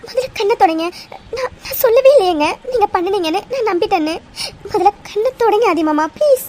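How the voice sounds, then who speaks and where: A woman voicing a devoted young wife in a cartoon serial, pleading softly through tears. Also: very high voice, lively intonation, brisk, a little hiss or hum. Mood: tearful. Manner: tearful, soft and respectful pleading.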